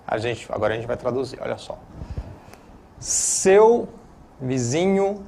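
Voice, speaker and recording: A man's voice: medium pitch, sing-song, a little slow, creaky, warm tone. A man with a Brazilian Portuguese accent teaching English on a studio lesson broadcast, chatty and full of tag questions. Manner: chatty, repeats filler tags, self-corrects. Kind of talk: classroom lesson, explaining.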